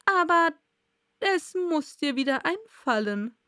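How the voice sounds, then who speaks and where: A woman's voice: high voice, animated, takes it slowly, sharp tone, dry recording, clean studio sound, voice pushed up, heavily acted. A woman doing a blustering, irritable king. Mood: angry. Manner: angry, threatening.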